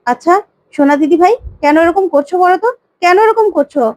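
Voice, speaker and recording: A woman voicing an elderly grandfather who calms the family in a soothing way. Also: extremely high pitch, brisk, no room sound.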